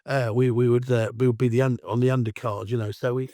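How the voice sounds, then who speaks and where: A middle-aged Essex man speaks with a croaky, allergy-roughened voice, chatting on as an interview guest. He rambles freely and calls himself the loudmouth. The sound is dry and close, with no room echo. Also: mid-range voice, level tone, quick pace. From Essex, England. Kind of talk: casual interview chat.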